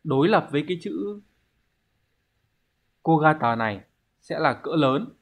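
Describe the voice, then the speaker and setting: This man's slightly high voice is expressive and a touch slow. He's teaching an online exam-prep language class, explaining things step by step and tossing rhetorical questions at his students.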